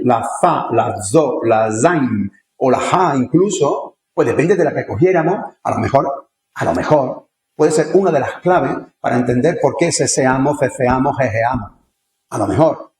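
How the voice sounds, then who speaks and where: A man's voice: fairly high pitch, darkish tone, echoey room. A man from Andalusia with an Andalusian accent giving a conference lecture, talking conversationally and firing rhetorical questions at the audience. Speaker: conference speaker. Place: lecture hall.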